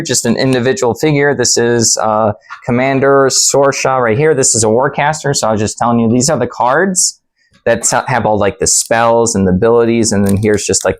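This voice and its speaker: A man with a fairly low voice talks casually as an online reseller going through recent sales. His delivery is conversational and loosely rambling, with the everyday wording of an informal vlog. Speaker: online reseller and channel host.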